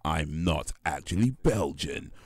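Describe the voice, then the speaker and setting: A young man from the UK chats casually with viewers on his livestream, laid-back and often laughing, with many fillers and repeats. His voice is a rumbling low, animated but slow and a little mellow, in a dry recording.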